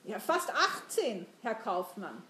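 A woman's voice: medium pitch, big pitch swings, slow, pushed and bright, a little hiss or hum, heavily acted. A woman voicing an eager, anxious teenage boy who pleads earnestly in a storybook reading. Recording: roomy echo.

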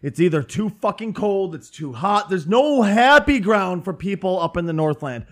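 Profaner Mann mit Minnesota-Akzent. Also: male voice, high voice, very animated, moderate pace. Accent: Northern Minnesota. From northern Minnesota. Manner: loose, profane and joking. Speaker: podcast host and streamer. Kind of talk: casual podcast chat. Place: home room with window open.

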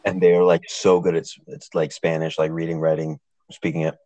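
A man's voice: low voice, little pitch movement, fairly quick, warm tone, no echo, low-quality recording. A young man co-hosting a casual podcast, telling stories animatedly and swearing freely. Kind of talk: casual chat.

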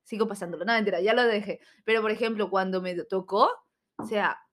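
A woman's voice: medium pitch, steady tone, a little fast, a bit bright. A woman in casual chat as a podcast co-host, joking with dry asides and frequent tag questions.

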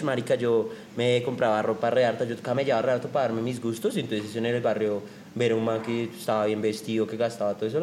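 A man's voice: mid-range voice, a little mellow, slight background noise. A young man with a Colombian accent, telling crude, joking stories in a casual chat full of slang.

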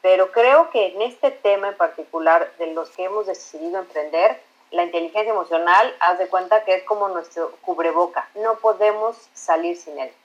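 A woman speaks in an explanatory, conversational way, slipping into quoted voices to make her points. Her voice sits on the low side. The recording sounds somewhat muffled and lo-fi. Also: moderate pace. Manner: explanatory, acts out quoted dialogue. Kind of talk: conversational podcast talk.

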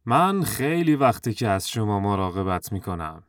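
A woman voicing a wise old male kangaroo wizard in a children's audio story, speaking slowly in a lowered voice. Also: very animated, dry recording, studio quality. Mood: gentle, solemn. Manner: slow, deep put-on voice.

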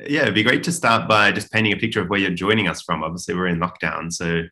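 A man's voice: low-pitched, fast, pushed and bright. A man hosting a podcast interview, encouraging his guest with frequent mm-hmms and ums. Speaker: podcast host.

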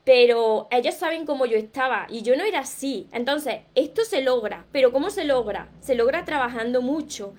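Woman, Peninsular Spanish accent, high voice, earnest motivational live chat, clears throat often. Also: expressive, moderate pace, few pauses, a little mellow. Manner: earnest, encouraging, reads viewer comments aloud. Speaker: livestream host, self-help speaker.

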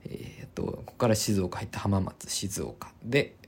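A man hosting a podcast alone, chatting in a relaxed, rambling way with many fillers and restarts. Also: lowish voice, moderate pace. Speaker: podcast host. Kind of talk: casual solo podcast talk.

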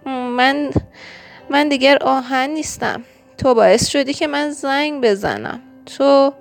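A woman voicing an iron character in a storybook, halting and stammering as it weakly accuses. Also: high voice, creaky, soft background music, pitched above the performer's own voice. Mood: faltering. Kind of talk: storybook reading.

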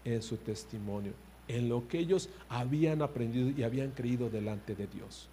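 At a normal speed and medium pitch, a man preaches animatedly over slight background noise. He moves between loud emphasis and soft asides, questioning his listeners directly.

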